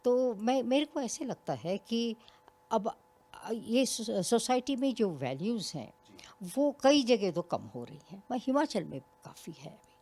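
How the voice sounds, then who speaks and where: A woman's voice: fairly high pitch, big pitch swings, a little slow. An older woman, a retired college principal, speaks reflectively as an interview guest and explains her points with small examples. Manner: reflective, explains with examples, occasional soft laughs. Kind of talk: interview conversation.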